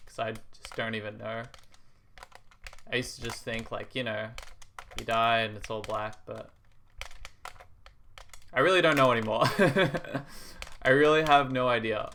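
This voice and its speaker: Young man, casual musing while gaming, rambling, hesitant, soft laughs, mid pitch, faint keyboard clicks behind. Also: a little hiss or hum. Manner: rambling and hesitant, full of restarts; soft and reflective, with quiet laughs. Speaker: gaming video creator. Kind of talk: casual musing while playing a video game.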